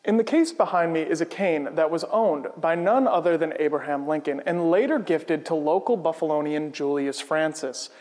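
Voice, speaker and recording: A man hosting a museum history program, giving scripted narration in a clear, measured presenter's delivery. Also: a little high, darkish tone, dry recording.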